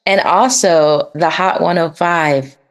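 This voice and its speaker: A woman's voice: on the low side, steady tone, slow pace. A woman interviewer asking brief, reflective questions in a casual conversation.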